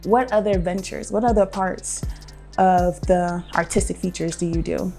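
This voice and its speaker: A woman hosts a relaxed talk show interview, playful and encouraging. She backs her guest up with quick affirmations and laughs. Faint music hums behind her. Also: lowish voice. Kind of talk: casual interview chat.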